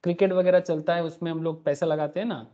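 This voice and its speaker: On a recorded video call, a man teaches an online class through a computer mic, explaining with rhetorical questions and checking that students are following. His voice is slightly high, fast, dark and fairly even, and the meeting recording sounds dull and lo-fi.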